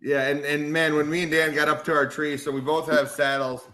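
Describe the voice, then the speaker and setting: A man's voice: on the high side, flat delivery, a little fast, sharp tone. A man in casual podcast chat, telling a rambling, self-mocking hunting story with plenty of laughter.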